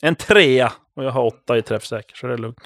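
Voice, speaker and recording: A man's voice: mid-range voice, gravelly, fairly bright tone, dry recording, studio quality. A man playing a tabletop game, talking casually and joking. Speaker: player.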